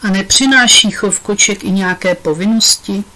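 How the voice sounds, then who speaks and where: A woman reading as a brisk schoolteacher. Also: mid-range voice, sharp tone, lightly acted, rough recording.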